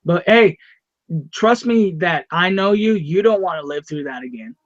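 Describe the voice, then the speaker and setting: A man with a high voice cuts in emphatically and teases his friends, swearing freely. The sound is dry, and his mic comes across dull and lo-fi. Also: expressive, normal speed, no echo. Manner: emphatic, interrupting, swears, teasing. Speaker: podcast co-host. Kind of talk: casual chat.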